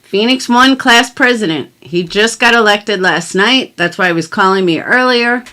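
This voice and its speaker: Speaking at a moderate pace with a sharp tone and a mid-range voice, this middle-aged woman reads legal documents aloud with mock drama between casual chat. She's a commentary vlogger whose delivery is blunt and emphatic, and she curses freely.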